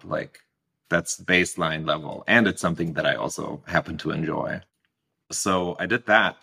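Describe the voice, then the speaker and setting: A man's voice: sits low, vocal fry, sharp tone, slightly rough. A man in his thirties from Germany with a heavy German accent, talking reflectively as an interview guest and often restarting his sentences. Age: 30s. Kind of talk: casual interview talk.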